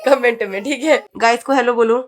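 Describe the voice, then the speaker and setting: A woman's voice: a little high, a little fast. Chatty young woman vlogging at home. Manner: chatty, coos and teases a toddler between remarks to viewers. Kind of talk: casual family vlog chat. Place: bedroom at home.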